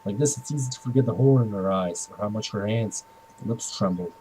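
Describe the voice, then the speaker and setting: A man narrating in first person as a tired young man, quiet, reflective and measured. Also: on the low side, slight background noise, close to an everyday voice, poor audio.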